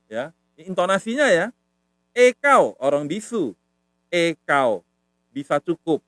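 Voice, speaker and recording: Higher-voiced man teaching casually. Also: a bit bright, no echo. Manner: repetitive, patient, says "ya" often. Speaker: language teacher. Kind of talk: casual live-stream lesson.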